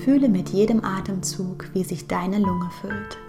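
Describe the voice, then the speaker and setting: A woman guiding a meditation in a soft, hushed, breathy voice, speaking slowly and calmly with long pauses. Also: medium pitch. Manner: slow, calm, pausing, breathy soft delivery in meditation. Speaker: podcast host and meditation guide. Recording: music bed under the voice. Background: background music.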